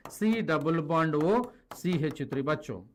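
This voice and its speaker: A man's voice: a little high, animated, a little fast, a little hiss or hum. A middle-aged man with an Indian accent teaches an online lesson at a board, switching between languages and addressing his students directly. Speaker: chemistry teacher. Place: indoor teaching studio with a digital board. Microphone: clip-on lapel mic.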